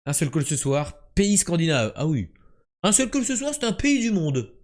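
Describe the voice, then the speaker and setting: His voice a little high and sing-song at normal speed, a young French streamer chats with viewers while playing word and geography games, full of jokes and boasts.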